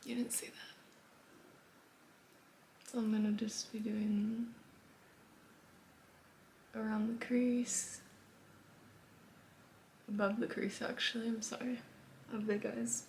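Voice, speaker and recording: A woman's voice: fairly high pitch, flat delivery, slow, long pauses, a little mellow, slight background noise. A woman giving a casual, chatty makeup tutorial, rambling and often dropping to a whisper. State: a bit out of breath. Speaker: makeup vlogger.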